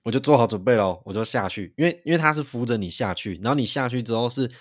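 A man, co-hosting a podcast and telling a story in an animated way, with frequent restarts. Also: medium pitch, fast talker, no room sound, studio quality. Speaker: podcast co-host. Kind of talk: casual chat.

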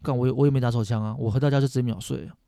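Male, thirties, Taiwanese accent, soft-edged mellow tone, speedy slangy talk, blunt and casual. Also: mid-range voice, fairly even intonation, racing, gravelly, clear, resonant tone, no room sound, studio quality. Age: 30s. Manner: blunt, slangy, repeats himself. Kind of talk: casual, frank chat.

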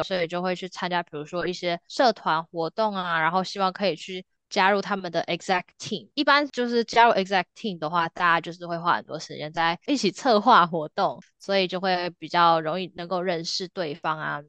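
A woman's voice: lowish voice, a bit bright, dry recording. A young woman co-hosting a casual podcast, telling reflective stories about her first year at university. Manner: reflective, storytelling. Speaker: podcast co-host.

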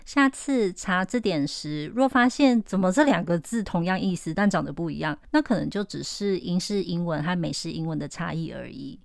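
A young woman hosting a podcast English vocabulary lesson, drilling words slowly and carefully. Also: fairly low pitch, creaky, no echo, clean studio sound. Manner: slow, careful word drills. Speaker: English teacher, podcast host.

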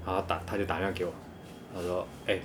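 A young man telling a crude story in casual chat, animated and laughing often. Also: deep voice, racing, background noise.

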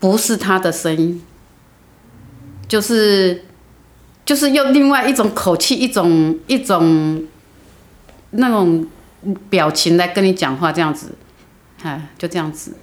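Guest: middle-aged woman, earnest and halting, lowish voice. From Taiwan. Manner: earnest, halting, many restarts. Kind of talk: personal storytelling.

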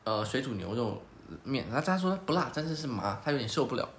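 Fast-talking man telling a lively story. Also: medium pitch, reverberant, a little hiss or hum. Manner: animated, acts out quoted people. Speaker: podcast host. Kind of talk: casual storytelling chat.

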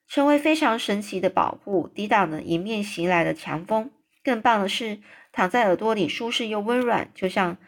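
A woman reading a children's storybook aloud, stopping for unscripted asides, restarts and little explanations. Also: medium pitch.

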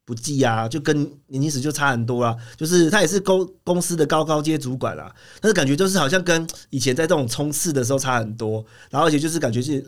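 A quick, animated male doctor, speaking a bit high and rushing his words. He tells stories chattily into a studio mic and laughs often. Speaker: urologist guest. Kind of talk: animated storytelling in a radio interview.

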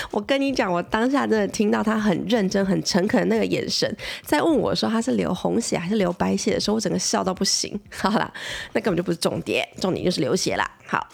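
Gravelly-voiced Taiwanese mom telling stories. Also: female voice, medium pitch. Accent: Taiwanese Mandarin. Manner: chatty, animated, asks listeners for agreement. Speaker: mother; pediatrician. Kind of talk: casual storytelling to viewers.

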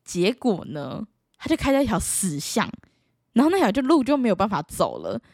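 At a normal pace, a young woman with a Taiwanese Mandarin accent vlogs directly to camera in a casual, fed-up tone. Her voice rises and falls sharply as she animatedly reenacts the exchanges in her stories, recorded dry and close without any room sound.

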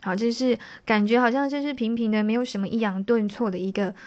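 A woman singing teacher giving a vocal lesson, explaining patiently with soft sentence-final particles. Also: fairly high pitch, steady tone, quick pace, highs cut off.

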